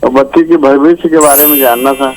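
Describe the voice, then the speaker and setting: A male caller on a phone line that keeps breaking up, slowly repeating dates and times. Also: medium pitch, fairly even intonation, darkish tone. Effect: choppy phone line that breaks up.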